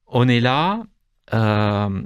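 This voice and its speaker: A Romanian-accented man, deputy director of a cultural institute, is a guest in a radio studio interview, speaking hesitantly with many fillers and restarts. His medium-pitched voice is smooth and very animated yet very slow, captured dry and lo-fi.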